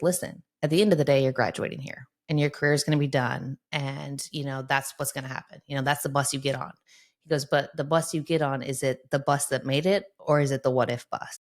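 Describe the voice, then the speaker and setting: Woman, middle-aged, deep-toned psychologist guest; earnest, motivating, conversational. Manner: earnest, encouraging, often adds "right?". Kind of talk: conversational podcast interview.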